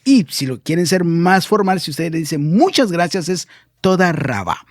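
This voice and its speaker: A male radio host with a slightly raised pitch talks in a loose, conversational way, stopping for fillers and correcting himself mid-sentence. His studio microphone picks him up close with a dry, dead sound. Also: lively intonation, normal speed, no room sound. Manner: chatty and meandering, many fillers and self-corrections. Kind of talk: casual radio talk about travel.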